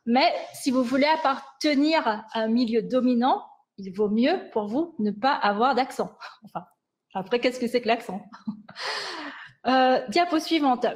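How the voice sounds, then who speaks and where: A woman giving a lecture with slides on language sciences, speaking hesitantly and often restarting and correcting herself. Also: on the high side.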